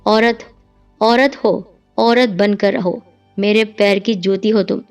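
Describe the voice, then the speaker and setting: A woman's voice: medium pitch, steady tone, smooth, close to an everyday voice. A woman voicing an angry, domineering young husband who talks with scorn and a raised voice, over faint music. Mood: scornful.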